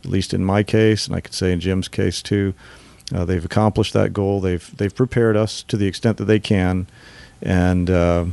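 A man's voice: deep voice, fairly even intonation, moderate pace, creaky, mellow, no echo. A man graduating from seminary, answering interview questions in a sincere, emphatic way.

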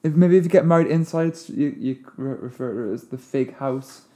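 A man, a wedding photographer chatting casually as a podcast co-host in a mumbling, relaxed way. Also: medium pitch, a little fast. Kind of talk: casual chat.

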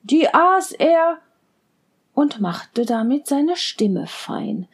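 A woman reading a fairy tale aloud, slow and deliberate, sometimes sinking to a whisper. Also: sits high, very animated. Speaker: storyteller.

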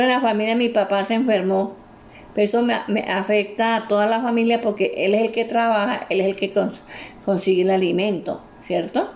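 Colombian woman, a schoolteacher at a middle pitch, going over homework corrections in a patient, repetitive voice message. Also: a little mellow. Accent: Colombian Spanish. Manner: patient and explanatory, repeats and rephrases points. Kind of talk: recorded voice-message feedback on homework.

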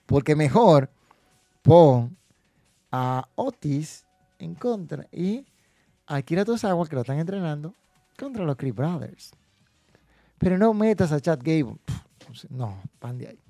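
A man's voice: fairly high pitch, animated, unhurried, long pauses, dark tone, dry recording. A man hosting a wrestling podcast, ranting indignantly about booking decisions and reading listener comments aloud. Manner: indignant, mocking, reads chat comments aloud. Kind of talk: animated solo commentary. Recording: dry close-mic with faint music.

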